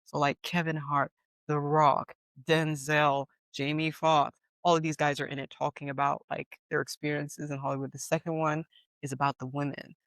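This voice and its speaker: A woman co-hosting a podcast in casual chat, an animated storyteller who leans on fillers. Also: low voice, normal speed, no room sound. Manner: enthusiastic. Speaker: podcast co-host.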